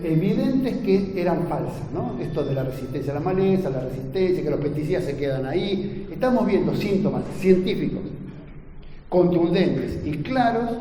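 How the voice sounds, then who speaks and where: A man gives an earnest lecture, his voice mellow and pitched a little high. He keeps drawing the audience in with quick tag questions. He sounds distant in a long-echoing hall with a faint hum of room noise. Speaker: agronomy lecturer.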